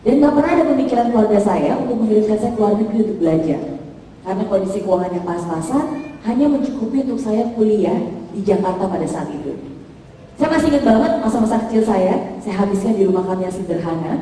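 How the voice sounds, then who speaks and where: A woman in her thirties from Indonesia, giving a motivational seminar talk and asking the audience lively questions. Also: medium pitch, fast talker, slight background noise. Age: 30s. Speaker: motivational speaker. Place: hotel function room. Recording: echoey hall from far off.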